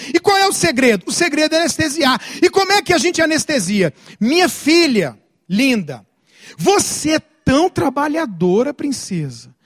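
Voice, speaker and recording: A middle-aged Brazilian man preaching a sermon as pastor, with an animated delivery and frequent calls to the congregation. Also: very high voice, dry recording, clean studio sound. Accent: Brazilian Portuguese.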